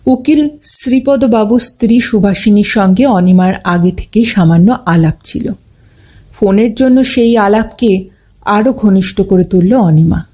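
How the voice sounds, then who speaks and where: A woman narrating a classic short story, giving the dialogue small shifts of pitch and pace. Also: measured pace, dark tone.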